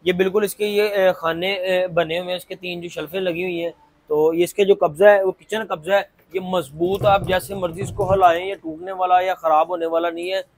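A man, giving an unscripted, insistent and repetitive showroom sales pitch as host. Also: level tone, fairly quick. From Pakistan. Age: 20s. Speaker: furniture showroom owner and video host. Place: large indoor furniture showroom. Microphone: clip-on lapel mic.

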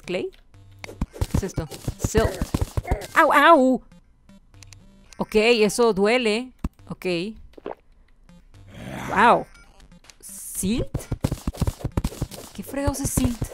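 Woman, let's-play host, playful, hums sound effects, mid-pitched, faint music underneath. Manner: playful, hums little sound effects and talks to game creatures. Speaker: gameplay host. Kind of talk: casual let's-play commentary.

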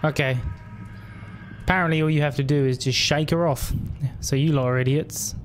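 A man's voice: on the high side, fairly even intonation, normal speed, soft background music. A young man giving cheeky, jokey commentary as a scared horror game streamer, wisecracking through his nerves.

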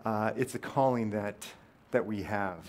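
A man pastor preaching a casual, conversational sermon in a church, telling the story with many fillers and restarts and lively emphasis at times. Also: lowish voice, unhurried, slight background noise. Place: church sanctuary.

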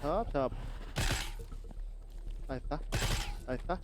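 A man's voice: extremely slow, noisy background. A man from Thailand hosting his gaming channel, chatting and joking politely as he plays. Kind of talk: casual game commentary. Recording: loud game sounds behind voice. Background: gunfire and animal roars from the game.

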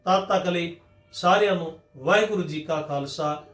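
A man with a high-pitched voice teaches scripture pronunciation in a patient, methodical way. He speaks directly to his listeners. The sound is roomy and echoey. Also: normal speed, fairly bright tone, faint music behind. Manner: patient, methodical, addresses the congregation. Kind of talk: religious lesson on scripture pronunciation.

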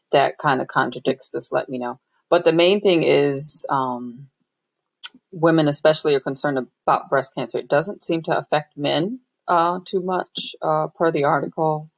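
Female fitness host, gravelly tone, halting casual explainer, dry webcam sound. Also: sits low, no room sound, poor audio. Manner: halting, many ums and restarts. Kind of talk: casual screen-share explainer. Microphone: webcam on a computer.

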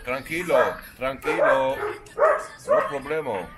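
A man's voice: mid-range voice, slow pace, very noisy. A German man filming a casual travel vlog at a beach bar, stumbling through broken Spanish, English and French. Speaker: vlogger.

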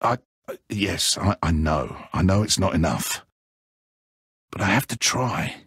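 A man playing a petulant, theatrical video game villain stripped of his godlike powers, with a raspy, strained, melodramatic delivery. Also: low voice, animated, a bit bright, no echo, clean studio sound, exaggerated voice. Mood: remorseful, subdued. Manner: melodramatic, drawn-out, emphatic. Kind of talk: dramatic animated game acting.

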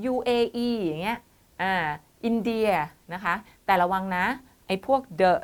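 A woman's voice: medium pitch, a little slow. Patient woman tutoring English exam writing. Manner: calls herself "teacher" and the students "child", mixes English terms into Thai; patient and explanatory, checking in often with "see?" and "okay?". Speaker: IELTS tutor. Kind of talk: online exam-prep lesson.

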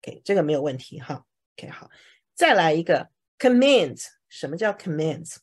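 Lively husky woman teaching a class. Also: low voice, normal speed. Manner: lively questioning, checks for questions often. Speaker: English teacher. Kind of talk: classroom vocabulary lesson.

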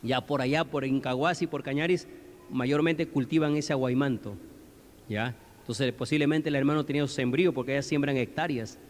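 A man's voice: mid-range voice, fairly even intonation, fairly quick, a little hiss or hum. Man preaching with long hall echo. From Peru. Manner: conversational preaching, asks the congregation questions. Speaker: pastor. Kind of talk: sermon. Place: church hall.

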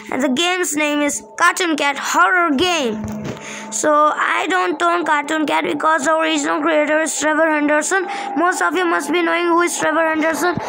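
A woman's voice: sits high, vocal fry, background noise. A woman hosting casual horror game commentary, explaining things simply and repeating phrases. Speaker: gaming video host.

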